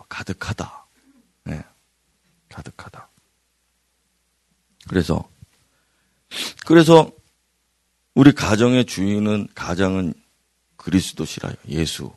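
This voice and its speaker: A man preaching at an evening prayer meeting, his pitch rising and falling with lively energy. He shifts from loud emphatic lines to hushed near-whispers. The recording is dry and close, with little room sound. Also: dry recording. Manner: animated preaching, swinging between loud bursts and near-whispers. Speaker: pastor. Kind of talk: sermon. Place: church hall.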